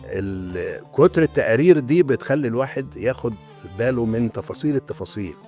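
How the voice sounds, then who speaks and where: A man in his sixties with an Egyptian Arabic accent, a retired antiquities restorer explaining his craft in a casual interview, often pausing and restarting mid-sentence. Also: medium pitch, lively intonation, warm tone, faint music behind. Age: 60s. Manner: storytelling, explaining with many hesitations and restarts.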